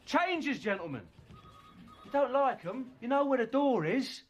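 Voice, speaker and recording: An actor playing a brash, pushy editor of a children's comic who talks in a blunt, dismissive way. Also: male voice, very high voice, expressive, a little slow, dull audio. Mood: scornful. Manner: brusque and blunt.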